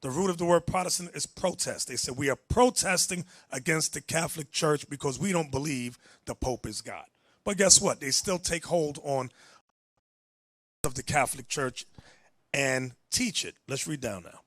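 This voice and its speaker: A man's voice: a little high, normal speed, fairly bright tone, dry recording. A man preaching and teaching from the Bible, emphatic and direct, telling a reader when to go on.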